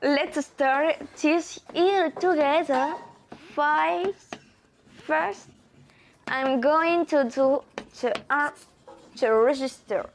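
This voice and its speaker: A woman voicing a new female English teacher who speaks halting English with a French accent. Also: sits high, a little hiss or hum, heavily acted. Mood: hesitant. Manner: halting, hesitant English with fillers.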